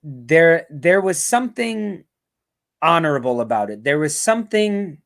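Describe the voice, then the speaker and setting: A man's voice: a little high, big pitch swings, a little slow, a bit bright. Profane, rambling male fan-show host. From New Orleans area, United States. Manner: profane, rambling, reads viewer comments aloud. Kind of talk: casual live-stream chat.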